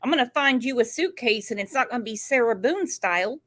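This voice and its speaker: Blunt, higher-voiced woman commentator. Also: expressive, fairly quick, a bit bright. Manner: blunt, sarcastic, sweary. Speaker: true crime commentator. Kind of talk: casual case commentary.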